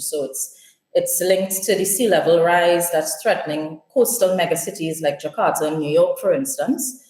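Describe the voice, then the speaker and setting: A woman's voice: sits low, darkish tone. Woman, formal conference talk, screen-recorded video call, echoey room. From Trinidad and Tobago. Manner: measured, formal, listing points. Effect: voice heard over a video call in a screen recording. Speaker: conference presenter, researcher. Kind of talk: remote conference presentation.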